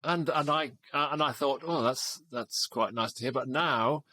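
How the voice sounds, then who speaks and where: A man in his seventies co-hosting a podcast, explaining things in a measured way with small hesitations. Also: mid-range voice, bright, forceful tone, no room sound. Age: 70s. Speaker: podcast co-host. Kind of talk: casual podcast chat.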